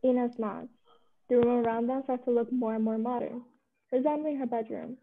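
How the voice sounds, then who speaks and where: A woman reading stage directions aloud in a plain, even way. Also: on the high side, moderate pace, narrow, tinny audio.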